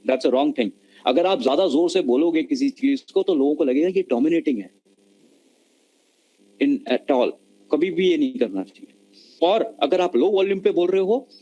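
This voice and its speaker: A man's voice: on the high side, dark tone, lo-fi sound. A man giving an online lecture on communication skills, explaining patiently and mixing Hindi and mid-sentence over a video call. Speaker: webinar lecturer.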